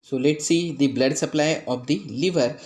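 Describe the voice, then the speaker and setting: A man's voice: fairly high pitch, normal speed, darkish tone. Indian man lecturing on anatomy. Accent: Indian English. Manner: explains step by step, pointing out structures; frequent "that is" and "after then" phrasing. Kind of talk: lecture pointing at a model.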